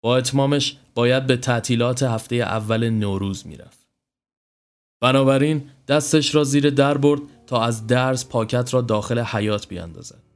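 Man telling a horror story. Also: mid-range voice. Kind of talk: scripted horror narration.

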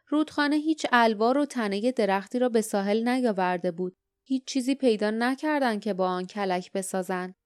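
A woman's voice: medium pitch, clear, resonant tone, no room sound, studio quality. A woman narrating an audiobook in scripted storytelling style, sometimes giving characters' lines their own voices.

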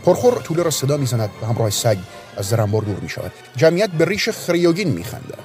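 A man reading a story aloud in measured scripted narration. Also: mid-range voice, sing-song, darkish tone, soft background music. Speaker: story reader.

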